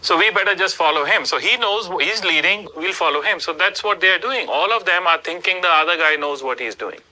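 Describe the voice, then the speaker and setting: Middle-aged man, very bright edgy voice, animated storyteller, studio interview. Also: high-pitched, brisk, low-quality recording. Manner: animated storyteller, rhetorical questions. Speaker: speaker in an interview clip. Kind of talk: storytelling talk. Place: indoors, plain studio backdrop.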